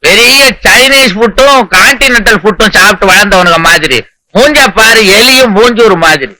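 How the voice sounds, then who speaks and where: Brief: a snobbish mocking in-law, high and sharp-toned. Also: male voice, animated, moderate pace, no echo, exaggerated voice, poor audio. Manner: sarcastic jibes.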